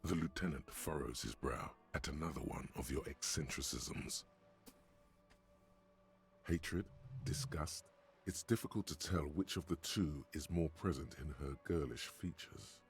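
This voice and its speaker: A rumbling, gravel-lined male narrator voice for a video game, low at the very bottom of the range. The tone is husky and wry, telling each scene with quiet menace. Soft music sits beneath it. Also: measured pace. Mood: grave.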